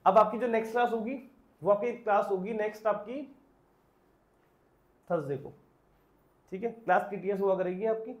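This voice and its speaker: A man's voice: high voice, moderate pace, long pauses, reverberant, highs cut off. A man teaching an accounts class, asking questions and answering them himself. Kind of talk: classroom lecture.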